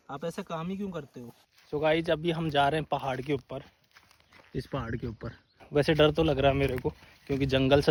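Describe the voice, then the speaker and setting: A man with a hoarse, scratchy throat narrating a casual outdoor vlog as he walks over dunes and up a forested hill, chatting to his viewers. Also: mid-range voice, a little mellow. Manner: chatty, keeps calling viewers "brother". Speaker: vlogger.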